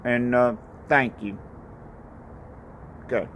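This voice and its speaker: An older man from North Carolina, a ski racer and video maker, rambles slowly on an outdoor porch in a casual home video. His mid-range voice is steady and a bit bright, halting with many fillers and repeated thanks. Shot on a phone camera at arm's length, the audio has a little hiss or hum.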